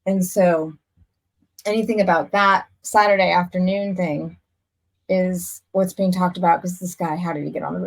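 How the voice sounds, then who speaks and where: A woman chats casually as a podcast host, thinking aloud in long earnest runs and circling back on her words. Her voice sits at an ordinary middle pitch for a woman. She keeps restarting sentences as ideas come to her. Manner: rambling, restarts often, earnest. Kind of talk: casual chat.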